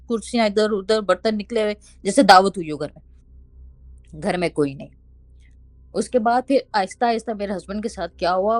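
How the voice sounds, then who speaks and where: A young woman, casually telling a ghost story and quoting others in lively bursts. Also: medium pitch, dry recording. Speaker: storyteller recounting a haunting.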